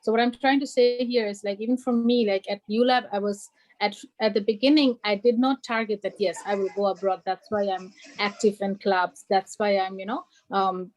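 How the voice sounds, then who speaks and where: A woman's voice: medium pitch, a little mellow, low-quality recording. A young woman raised in Germany, speaking earnestly as an alumna on an online panel, emphatic and full of "you know" and "like". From Bangladesh, raised in Germany.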